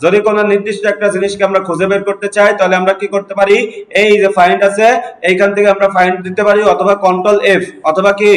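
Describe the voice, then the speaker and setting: A high-pitched man leads a computer lesson. He asks the room a question, then answers it himself, step by step. His voice echoes around the classroom. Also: fairly bright tone.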